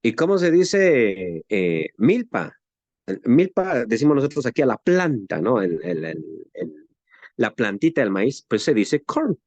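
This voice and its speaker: Lively Guatemalan man teaching Bible class. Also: medium pitch, unhurried, no room sound, muffled recording. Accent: western Guatemalan Spanish. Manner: conversational, asks rhetorical questions and tags "¿no?".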